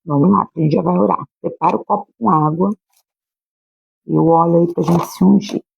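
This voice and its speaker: Gravelly-voiced Brazilian woman preaching. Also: on the low side, steady tone, moderate pace, a little mellow, no echo, dull audio. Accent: Brazilian Portuguese. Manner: earnest, emphatic preaching with direct address to listeners. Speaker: pastor. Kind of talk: livestreamed sermon. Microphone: phone or webcam livestream.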